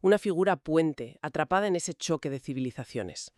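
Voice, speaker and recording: A mid-pitched voice, neither high nor low, walks through history in a calm, explanatory way. This co-host lists points one after another in a relaxed podcast chat. The recording is dry and close. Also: normal speed, no echo.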